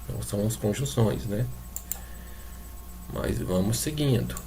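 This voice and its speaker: A man's voice: lowish voice, measured pace, mellow, slight background noise. A man from Brazil teaching a recorded class, explaining patiently and repeating examples for his students. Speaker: Spanish teacher. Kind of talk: recorded online class lecture.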